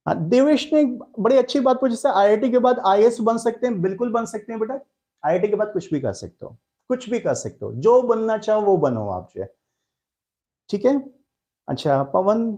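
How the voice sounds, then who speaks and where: A male chemistry teacher with an Indian accent teaches a live online class. He speaks in a mellow, warm tone and talks to students in a fatherly way as he answers their chat messages. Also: high-pitched.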